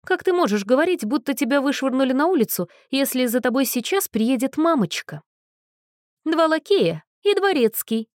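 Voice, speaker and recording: A woman's voice: a little high, big pitch swings, moderate pace, no echo, studio quality, voice pushed up. A woman voicing a carefree young woman who speaks in a lazy, breezy drawl. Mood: lazy, amused.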